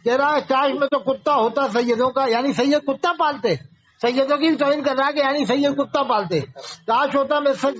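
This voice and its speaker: A man from India gives a polemical religious talk, arguing and firing off rhetorical questions. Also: extremely high pitch. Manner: argumentative, fires off rhetorical questions. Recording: dull lo-fi audio.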